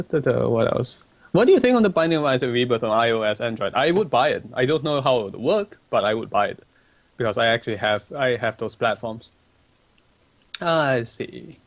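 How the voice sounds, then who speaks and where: During a casual stream, a young man from Malaysia reads viewer questions into a desk mic and rambles through answers in a chatty way. His voice is medium in pitch, and the recording is dry.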